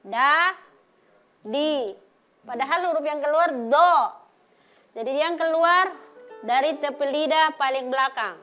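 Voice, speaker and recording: Lady teaching quran letters, high bright voice, slow, music faint underneath. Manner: slow, drawn-out teaching with repeated example sounds. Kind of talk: televised religious lesson.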